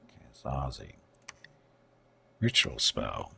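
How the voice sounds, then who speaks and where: A man thinking aloud as he plays a strategy game on a live stream, halting and correcting himself as he goes. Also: rumbling low, huge pitch swings, creaky, sharp tone, slight background noise. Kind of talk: casual gameplay commentary.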